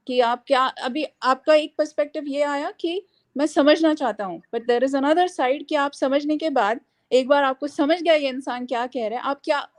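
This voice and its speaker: Guest, female, high voice, half Indian half American accent, unhurried and explanatory. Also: darkish tone. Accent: mixed Indian and American English. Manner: thoughtful, explanatory. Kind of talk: casual discussion, Hindi-English mix.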